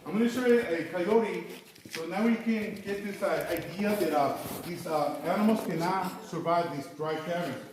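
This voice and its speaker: A man working as a cave tour guide, talking to visitors in a halting way with repeated words. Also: high-pitched. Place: underground cavern. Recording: echoing cave, distant mic, faint noise.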